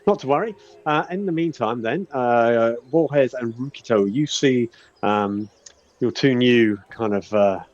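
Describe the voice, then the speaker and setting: Halting male game master, dull audio. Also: mid-range voice, a little mellow, no echo. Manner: halting, easygoing, rambling. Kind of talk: casual tabletop game narration. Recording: dull, lo-fi sound.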